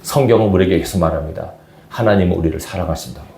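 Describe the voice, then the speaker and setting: A man's voice: sits low, rapid-fire, gravelly, dark tone, reverberant, a little hiss or hum. A man preaching a sermon as pastor to his congregation, often asking them questions. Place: church sanctuary.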